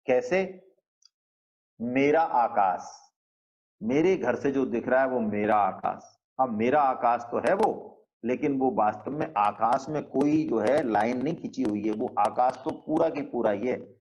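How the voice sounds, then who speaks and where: A man gives a scripture lesson in an unhurried, explanatory way. He often pauses to ask his listeners rhetorical questions. His voice is of ordinary pitch, and the recording sounds muffled and lo-fi. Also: darkish tone. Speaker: Gita class teacher.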